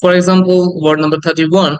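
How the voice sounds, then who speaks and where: Slow, high-voiced teacher. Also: male voice, little pitch movement, clear, resonant tone, no room sound, rough recording. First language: Bengali. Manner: drills words slowly, repeating them and urging listeners to repeat; mixes Bengali and English. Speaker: English pronunciation teacher. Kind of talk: classroom-style pronunciation lesson.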